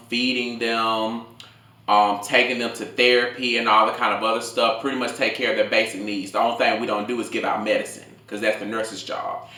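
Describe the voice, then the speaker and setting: A man in his late twenties telling a casual, rambling story in slangy, animated talk as a food vlogger. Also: medium pitch. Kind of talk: casual storytime told over a meal. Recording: echoey room.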